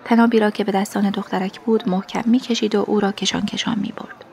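A woman reading a first-person story aloud as an audiobook, in a soft delivery that often drops to a half-whisper. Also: mid-range voice, flat delivery. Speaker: audiobook narrator.

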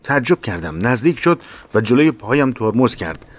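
A man narrating a war memoir in a measured, dramatic reading. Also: medium pitch, sing-song.

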